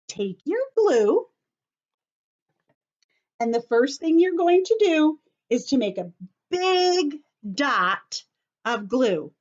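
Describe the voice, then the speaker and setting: A woman whose voice is a little high shows young children how to make a craft during story time. She explains each step simply and addresses them directly, though the recording is muffled.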